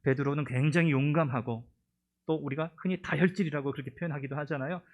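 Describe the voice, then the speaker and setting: A man's voice: on the high side, fairly even intonation, fast talker, narrow, tinny audio. A male pastor preaching a sermon, retelling a story with emphasis and asking the congregation rhetorical questions.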